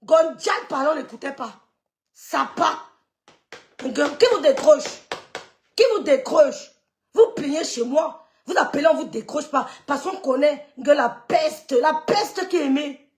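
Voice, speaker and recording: A woman's voice: high voice, measured pace. A middle-aged woman, ranting scornfully on a live stream and scolding people she accuses of stirring up trouble. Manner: scolding, scornful, repeats dismissive sucks of the teeth. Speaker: social media gossip streamer. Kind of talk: heated live-stream rant.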